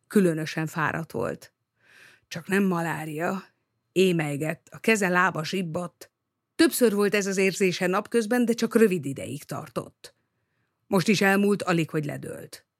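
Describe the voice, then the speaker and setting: An audiobook reader reading a novel aloud in a lively, expressive way. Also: mid-range voice, no echo, clean studio sound.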